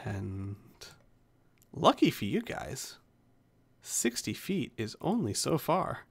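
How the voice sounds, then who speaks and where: A man's voice: mid-range voice, huge pitch swings, takes it slowly, creaky, slightly rough. A man acting as game master, narrating a tabletop game and chatting casually with the players.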